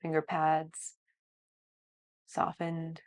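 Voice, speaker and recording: Slow, soothing woman guiding sleep-story style relaxation. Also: low-pitched, monotone. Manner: soothing, slow, hushed delivery with long pauses. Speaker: yoga teacher. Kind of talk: guided yoga nidra relaxation, like a sleep story narrator.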